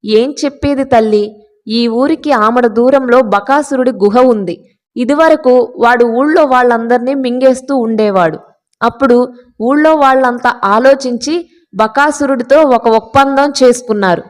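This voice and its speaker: A woman's voice: fairly high pitch, close to an everyday voice. A woman voicing a grieving, pious old Brahmin man in a read-aloud story. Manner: lamenting, pleading.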